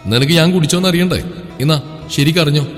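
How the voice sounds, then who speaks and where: A man's voice: a little high, fast talker, close to an everyday voice. A man playing a bold young man who banters bluntly with a mock-stern edge. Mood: bantering. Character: gruff, bold young man, cocky lover. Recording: echoey room with music behind.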